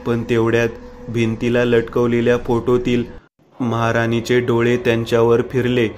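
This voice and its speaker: A man narrating a horror story in a steady, even reading style. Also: mid-range voice, moderate pace, slight background noise.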